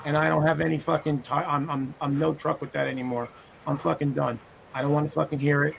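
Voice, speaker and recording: A man's voice: on the high side, flat delivery, quick pace, creaky, slight background noise. A man on a podcast panel delivering an angry, profane rant with lots of repetition, in casual talk. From United States. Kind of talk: casual chat.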